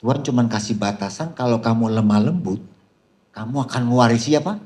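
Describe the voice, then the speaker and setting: A man's voice: mid-range voice, a little fast, darkish tone. A man preaching a sermon to a seminar audience as pastor, constantly calling out to the crowd and mixing scripture with teasing jokes. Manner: addresses the crowd with repeated "saudara", teasing humor. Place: seminar hall.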